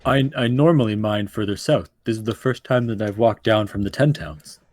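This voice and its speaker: A man's voice: lowish voice, moderate pace, a little mellow, pitched below the performer's own voice, natural voice. Man acting a defensive, haggling dwarf merchant. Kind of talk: tabletop role-play.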